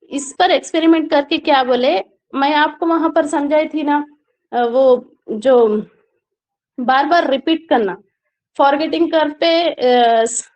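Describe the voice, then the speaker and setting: High-voiced woman teaching online. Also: a little mellow. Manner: explains step by step with frequent check-in questions to viewers. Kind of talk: online exam-prep lecture.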